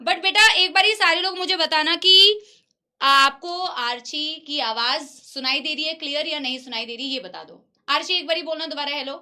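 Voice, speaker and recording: Casual online class with a woman teacher. her voice sits high and she keeps up a friendly, chatty patter with her students, calling them in close. she is coming through a laptop mic. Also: moderate pace, pushed and bright. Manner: chatty, addresses students fondly. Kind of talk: live online class talk.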